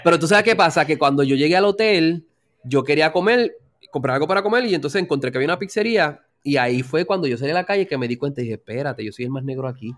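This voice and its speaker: A man with a Puerto Rican accent, a flight attendant, telling anecdotes in casual chat, filling pauses with "este". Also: on the high side, lively intonation. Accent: Puerto Rican Spanish. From Puerto Rico.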